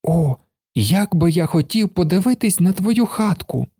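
Man doing a worried little storybook boy, slow and soft-toned, dry sound. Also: high voice, expressive, breathy edge, dry recording, voice pushed up, exaggerated voice. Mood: wondering. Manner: anxious, wondering questions. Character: young boy, earnest and easily worried.

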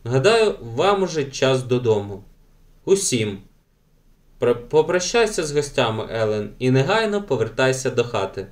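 Stern brisk mother, as a man puts her on. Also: mid-range voice, very animated, lightly acted. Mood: firm. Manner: brisk, reproachful.

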